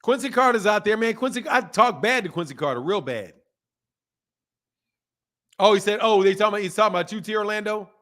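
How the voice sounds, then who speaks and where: Speaking a little fast but with long pauses, this fifty-something boxing channel host reads viewer comments on a laid-back live stream. His voice sits fairly high for a man, and he's lively, answering chat, repeating himself for emphasis and laughing often.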